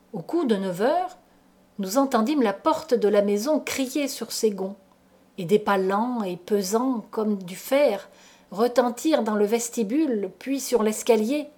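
A woman narrating a gothic tale aloud in a slow, measured, dramatic reading. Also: a little high, dark tone. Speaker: audiobook reader. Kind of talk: literary audiobook narration.

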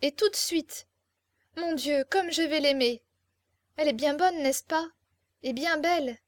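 High bright excitable young girl, pleading and breathless, dry close sound, as a woman reads her. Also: measured pace, no echo. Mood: eager. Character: young naive excitable girl, vain and romantic. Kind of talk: audiobook character reading.

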